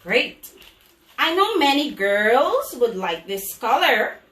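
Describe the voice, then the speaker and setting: Female preschool teacher, high and slow, overbright singsong questioning for little children, recorded off-mic in an echoey room. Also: very animated, fairly bright tone. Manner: overbright, exaggerated kids-host delivery with singsong questions. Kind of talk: children's lesson, call-and-response. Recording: echoey room, distant microphone.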